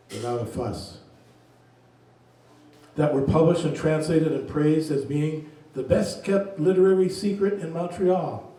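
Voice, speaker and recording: A man's voice: fairly high pitch, dark tone. Man reading poems in an echoey room. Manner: slow, measured reading voice. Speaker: poet reading his work. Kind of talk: poetry reading. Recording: very echoey room, distant mic.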